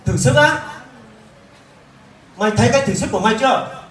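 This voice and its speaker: A man's voice: very high-pitched, lively intonation, brisk, a bit bright. A man acting a stubborn, hot-tempered village husband in an amateur skit, blunt and scolding, with Hmong as his first language. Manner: blunt, scolding, repeats himself. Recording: roomy, from a distant mic.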